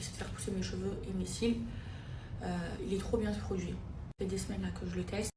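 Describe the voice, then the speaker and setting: A woman's voice: medium pitch, background noise. Girl vlogging at home, chatty, lots of euhs, phone a bit far off, roomy echo. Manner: chatty, addresses viewers as "les filles", many fillers. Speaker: social media personality. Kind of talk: casual vlog to followers. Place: at home, indoors.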